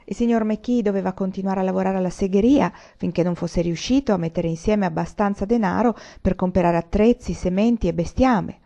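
A woman reading a novel aloud in a steady, measured way. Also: mid-range voice, creaky. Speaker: audiobook reader. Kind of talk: audiobook reading. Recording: muffled lo-fi recording.

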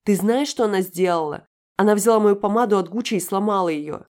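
A woman's voice: medium pitch, fairly quick, a little mellow, pitched above the performer's own voice, natural voice. A woman reading an audiobook, voicing a spoiled, hot-tempered young woman who shrieks indignantly. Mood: shrieking.

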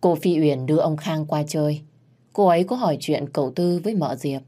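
A woman narrating a first-person audio story in a steady, measured way. Her voice sits low and husky, with an even reading pace.

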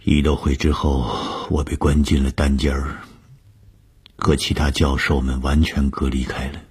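Man, audiobook storyteller, extremely low voice, very husky, breathy half-whisper. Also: flat delivery, measured pace, darkish tone. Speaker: narrator. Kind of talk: first-person audiobook storytelling.

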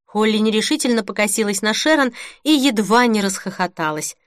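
Measured woman audiobook narrator. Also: mid-range voice, animated, no room sound, clean studio sound. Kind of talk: scripted narration.

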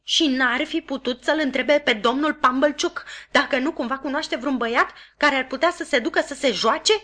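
A woman voicing a sharp-tongued, scolding village housewife who snaps and shouts her lines. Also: on the high side, very animated, full character voice. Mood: reproachful.

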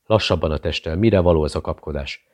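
A man's voice: rumbling low, darkish tone. A man playing a cold, commanding male conspirator giving orders on the phone. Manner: curt and commanding.

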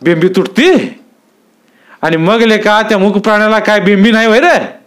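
A man's voice: high-pitched, animated, measured pace, a bit bright, clear, resonant tone, voice pushed up. A male storyteller voicing a harsh, domineering village landlord who barks menacing orders and questions. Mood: commanding. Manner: bellowing, menacing interrogation. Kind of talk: dramatic storytelling.

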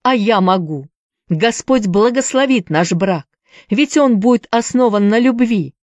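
A woman's voice: medium pitch, lively intonation, moderate pace, a little mellow, dry recording, studio quality, natural voice. Woman voicing a passionate young man pleading with his lover. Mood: urgent pleading. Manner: insistent, urgent pleading.

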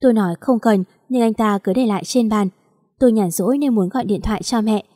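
A woman reading a story aloud in a steady, even narration. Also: mid-range voice, quick pace, dry recording, clean studio sound.

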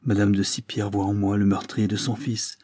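A man's voice: fairly low pitch, little pitch movement, normal speed, mellow, no echo, clean studio sound, lightly acted. A man voicing a proud, aging duke in a storybook reading, who cries out and pleads. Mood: shocked pleading. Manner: pleading, shocked exclamations.

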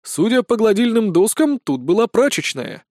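A man's voice: sits high, very animated, normal speed, darkish tone, no room sound, studio quality, pitched above the performer's own voice. A man reading a story aloud, voicing a jumpy, wisecracking young male companion who yelps in panic. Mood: yelping. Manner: yelping, panicky.

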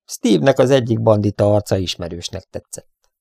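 A man reading an adventure audiobook aloud in a steady storybook narration. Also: fairly low pitch, gravelly, no room sound, clean studio sound. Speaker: audiobook reader.

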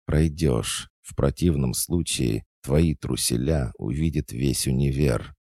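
A man's voice: extremely low pitch, slow pace, vocal fry, dark tone, breathy edge, dry recording, clean studio sound, exaggerated voice. A man voicing a cold, commanding young noblewoman, an elder sister, in an audiobook, with a somewhat lifted voice. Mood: cold threatening. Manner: cold, threatening.

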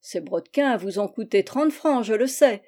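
Outspoken aunt, firm and lecturing, mellow tone, read by a woman. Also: on the high side, animated, moderate pace. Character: brisk, outspoken older aunt.

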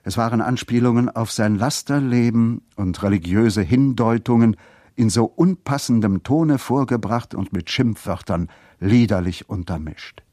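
A man reading a literary story aloud in a steady, measured narrating voice. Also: medium pitch, no room sound, clean studio sound. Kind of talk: scripted narration.

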